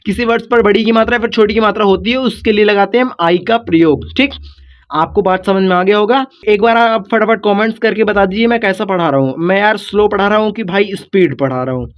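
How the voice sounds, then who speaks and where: A man's voice: high-pitched, brisk. A man teaching a video lesson, patiently repeating each step and talking to his viewers as if they were kids. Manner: patient, repetitive explaining, addresses viewers as kids. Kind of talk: classroom-style video lesson. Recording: dull lo-fi recording.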